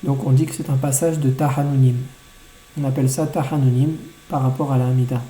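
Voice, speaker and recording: A man's voice: medium pitch, little pitch movement, mellow, a little hiss or hum. Male instructor, methodical explainer, echoey room. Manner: methodical, repeats phrases slowly to model pronunciation. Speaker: teacher of liturgical chanting. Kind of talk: explanatory lesson with recited prayer phrases. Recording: roomy echo.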